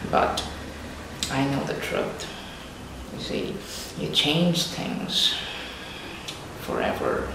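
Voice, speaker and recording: A man's voice: medium pitch, huge pitch swings, full character voice. A man acting as a taunting, theatrical, deranged clown criminal in a crime drama, drawing out words erratically. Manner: drawn-out, taunting, erratic, breathy drops to near-whisper. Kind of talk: dramatic villain monologue in interrogation. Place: small dim bare room, seated. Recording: very echoey, distant, noisy fake old tape.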